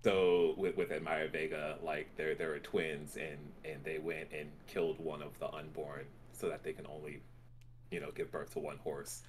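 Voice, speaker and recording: A man's voice: rumbling low, level tone, normal speed, slight background noise. A man hosting a casual podcast chat, easygoing and rambling with lots of fillers. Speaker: podcast host.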